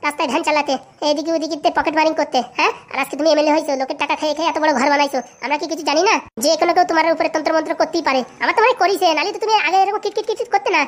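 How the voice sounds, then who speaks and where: A woman voicing a bossy, sharp-tongued middle-aged wife in a comic cartoon, scolding and nagging. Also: high-pitched, fairly even intonation, lightly acted. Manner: scolding, nagging, rapid-fire.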